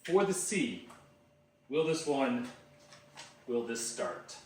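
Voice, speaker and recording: A man hosting a casual do-it-yourself vlog, talking to himself with excitable, self-mocking energy as he tests his tools. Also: medium pitch, slow, roomy sound, heavy background noise. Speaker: DIY video host. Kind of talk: casual vlog narration while testing tools.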